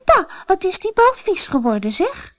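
A woman voicing a spoiled, impatient young princess in a storybook reading, shrill and petulant, often sobbing. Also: wildly swooping pitch, normal speed, fairly bright tone, dry recording, studio quality, full character voice.

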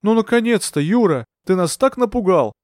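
Reader putting on a jittery middle-aged guy, squeaky high shouting, audiobook. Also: fast talker, no echo, studio quality. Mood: anxious. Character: anxious middle-aged man, poor swimmer. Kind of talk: audiobook character voice.

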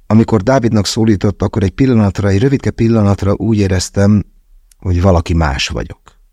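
A man narrating a first-person thriller audiobook in a measured, tense way with slow, deliberate pauses. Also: low voice, darkish tone, husky, no room sound, clean studio sound.

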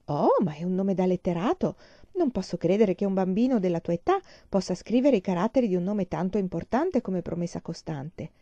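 Woman reading a gentle, quietly sad man. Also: lowish voice, lively intonation, brisk, no echo, highs cut off. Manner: soft, gentle.

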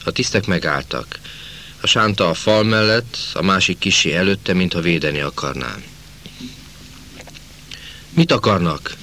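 A man reading a novel aloud in the first person, in a measured, dramatic way. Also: low-pitched, pushed and bright, a little hiss or hum. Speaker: audiobook narrator.

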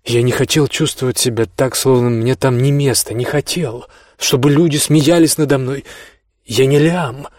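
A man's voice: mid-range voice, steady tone, moderate pace, darkish tone, no room sound, clean studio sound. A man reading a first-person novel aloud as an audiobook, earnest and emotional. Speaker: audiobook reader. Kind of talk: scripted first-person narration.

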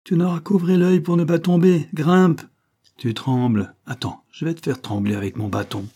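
A man's voice: lowish voice, moderate pace, warm tone. A man voicing a brutal, bullying male fairground acrobat master who barks sneering orders. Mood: harsh, bullying.

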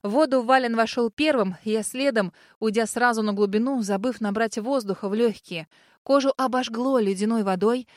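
A woman narrating a first-person fantasy audiobook in a lively, expressive manner. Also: fairly high pitch, moderate pace, no room sound, clean studio sound.

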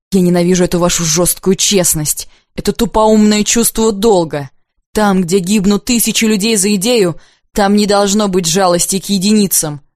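A woman reading the lines of a proud, bitter unmarried woman in an audiobook, intense and accusing, often slow and heavy. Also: mid-range voice, a little mellow, dry recording, clean studio sound, natural voice. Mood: furious.

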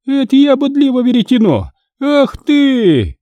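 A man voicing a shrill, furious peasant wife who screeches and scolds. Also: wildly swooping pitch, a little slow, mellow, no room sound, muffled recording, heavily acted. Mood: furious scolding. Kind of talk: audiobook character reading.

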